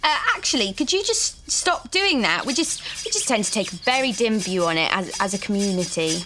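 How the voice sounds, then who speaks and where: A woman's voice: medium pitch, animated, a little fast, noisy background, close to an everyday voice. An actress playing an earnest female gamer who explains game lore in fussy detail.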